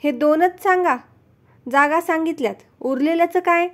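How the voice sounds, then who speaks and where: A woman voicing a wisecracking male doctor in a joke, giving calm, knowing replies. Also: very high voice, moderate pace. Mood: wry.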